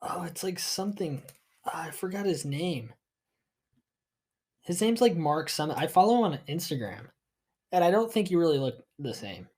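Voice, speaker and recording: A man's voice: a little high, very animated, normal speed, pauses often, darkish tone, breathy edge. Young man co-hosting, losing his voice. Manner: laughs often, upbeat and chatty. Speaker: podcast co-host. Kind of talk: casual chat.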